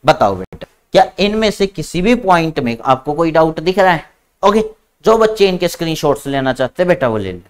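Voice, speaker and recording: A man's voice: fairly high pitch, big pitch swings, fairly quick. A man teaching a biology class online in Hindi mixed with English with an Indian English accent, calling students "beta" and stretching out key terms as he dictates.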